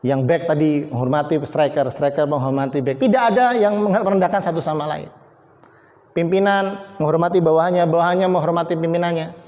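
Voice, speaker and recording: Guy doing a motivational team talk, kinda high voice, repeats himself a lot, echoey hall. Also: fairly even intonation, fairly quick, darkish tone. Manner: emphatic, repeats key words, jokes with named audience members. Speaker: motivational speaker. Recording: echoey hall, long reverb.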